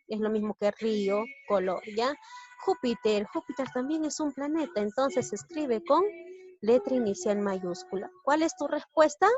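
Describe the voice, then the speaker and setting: A woman teacher from Peru talking students through an exam review, asking questions and explaining each answer step by step. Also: on the high side. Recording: dull lo-fi recording.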